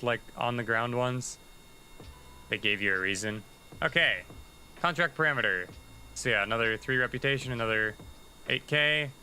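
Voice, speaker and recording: A livestreaming gamer with a very bright, sharp-edged voice at medium pitch gives casual gameplay commentary, chatty and thinking aloud while muttering little asides to himself. The audio is poor, with a faint hum beneath his voice.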